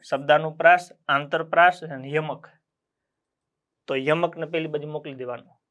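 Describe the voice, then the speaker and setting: A man's voice: on the high side, a bit bright. A man with a Gujarati accent teaching an exam-prep grammar class. He asks the class questions and answers them himself, repeating key terms so they stick.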